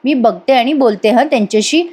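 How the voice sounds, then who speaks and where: A woman's voice: fairly high pitch, fairly quick, a little mellow, slightly rough. A woman voicing a caring young wife who questions her husband earnestly.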